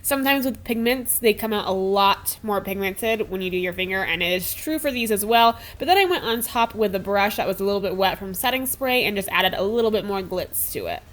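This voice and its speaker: Barely pausing, a twenty-something beauty vlogger rattles through a makeup tutorial at a fairly quick clip in an animated, mid-range voice. She's chatty and upbeat, saying "like" and "super" often, a bit nasal from a cold, and films in a small room at home with a sparkly backdrop.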